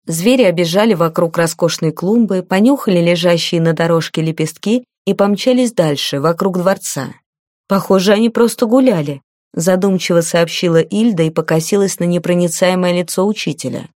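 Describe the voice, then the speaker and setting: A woman narrating a fantasy novel as an audiobook, in an even storytelling reading. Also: on the low side, fairly quick, few pauses, no echo, studio quality.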